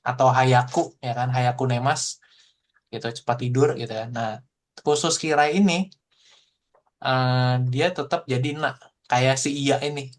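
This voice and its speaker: A man teaching a Japanese language class online, explaining in a relaxed, chatty way full of fillers. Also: medium pitch, unhurried, pauses often. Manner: explains in relaxed casual Indonesian with frequent fillers.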